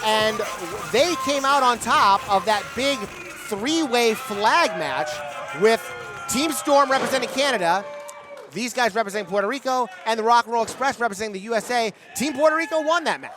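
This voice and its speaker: A middle-aged man with a very high-pitched voice calls a pro wrestling match. He speaks as a play-by-play sportscaster, announcing the competitors and the action. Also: moderate pace, music in the background.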